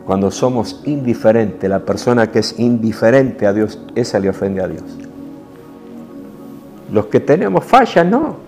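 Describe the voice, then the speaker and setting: A man with a Rioplatense Spanish accent preaching a sermon in an intimate, emotional way, moving from soft hushed passages to forceful rises. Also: fairly low pitch, sing-song, unhurried, soft background music. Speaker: apostle preaching.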